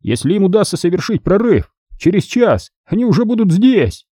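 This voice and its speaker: Starving, sneering young soldier in a storybook, voiced by a male narrator, husky and raised. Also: sits high, sing-song, normal speed, mellow, no room sound, studio quality, pitched above the performer's own voice, heavily acted. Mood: bitter, mocking. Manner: scornful, complaining. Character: hungry, embittered young male soldier, mocking.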